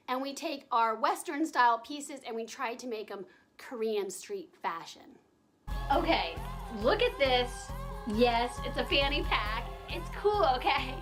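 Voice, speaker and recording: A young woman talking through her travel vlog in a bubbly, giggly way, gushing with drawn-out enthusiasm. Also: sits high, fairly bright tone. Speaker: travel vlogger. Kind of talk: casual vlog narration.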